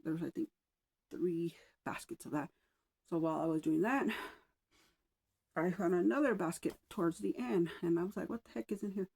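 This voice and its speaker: A woman vlogger chatting casually at home, rambling a little with sighs and soft asides, slightly out of breath. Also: lowish voice, brisk, gravelly, slightly rough, rough recording. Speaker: wax melt vlogger. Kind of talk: casual chat. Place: home room with oil diffuser.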